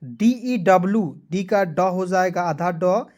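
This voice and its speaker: A man teaching English pronunciation as a lesson in Hindi, spelling out letters, repeating each word and asking his viewers if it is clear. He says he is sweating in the heat. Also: high-pitched, slow pace, darkish tone. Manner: repetitive, spells letters out and drills, asks "clear?". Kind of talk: Hindi-language phonics lesson.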